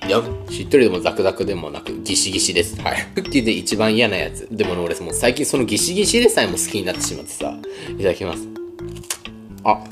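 A young man with a western Japanese accent hosts a mukbang from a small room at home, chatting casually to the camera while he eats and tastes. His voice sits low and is very animated, racing along with hardly any pauses as music plays in the background.

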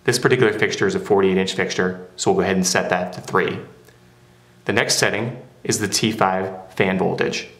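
A man's voice: sits low, a bit bright. A man narrating a step-by-step product how-to in a plain, methodical way. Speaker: product demonstrator. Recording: roomy echo.

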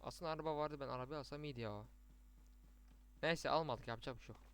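Chatty young Turkish gaming streamer. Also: male voice, on the high side, fast, smooth, dry recording. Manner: chatty, swings between muttering and excited outbursts. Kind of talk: live gameplay commentary with teammates.

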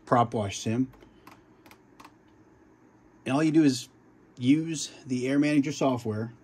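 A man's voice: mid-range voice, dark tone. A man casually walking through his home flight sim cockpit, rambling and restarting his sentences. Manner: rambling, with many fillers and restarts. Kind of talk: casual show-and-tell walkthrough.

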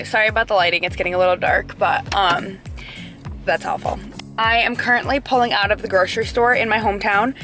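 A young woman vlogging casually from her car, chatty and gushing with excitement. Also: medium pitch. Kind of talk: casual vlog talk to camera. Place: inside a car.

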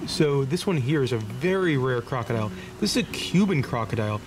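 A man casually narrating a walk through a zoo, pointing out animals in a relaxed, chatty way. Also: mid-range voice, fairly quick. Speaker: zoo tour vlogger. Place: outdoor zoo walkways. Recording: outdoor noise around camera mic.

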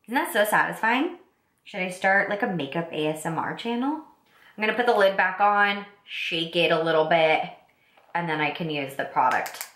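A young woman vlogger with a slightly raspy, congested voice from a cold, chatting enthusiastically while doing her makeup at home. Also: fairly low pitch, fairly bright tone. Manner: chatty, enthusiastic product talk. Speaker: beauty vlogger. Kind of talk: casual get-ready-with-me makeup talk. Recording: roomy echo.

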